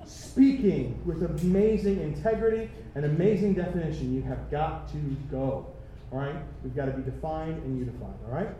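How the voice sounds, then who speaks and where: A man directing a choir rehearsal, energetic and encouraging, singing phrases to demonstrate. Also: a little high, moderate pace, slight background noise. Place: large rehearsal room. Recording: echoey room from far off, singers behind.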